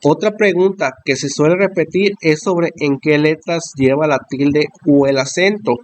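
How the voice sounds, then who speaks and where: A man reading out a school lesson on stress and accent marks, slowly explaining each example. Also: a little high, a little mellow, dry recording. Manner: slow, careful explanation with examples.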